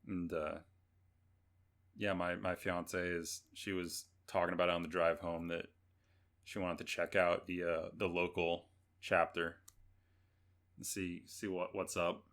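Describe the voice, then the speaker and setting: A man's voice: sits low, level tone, measured pace, pauses often, fairly bright tone. A man co-hosting a podcast in easygoing casual chat, wry and hesitant with fillers. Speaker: podcast co-host.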